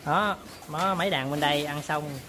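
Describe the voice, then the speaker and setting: A pig farmer vlogger with a fairly high voice casually walks viewers through work in his pig barn at a moderate pace, often turning to speak to them directly. Background noise can be heard in this relaxed on-farm demonstration.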